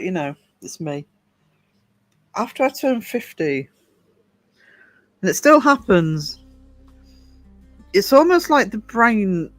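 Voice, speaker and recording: A woman in her fifties chatting casually with viewers on a livestream, rambling and chuckling often. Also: mid-range voice. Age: 50s. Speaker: livestream host.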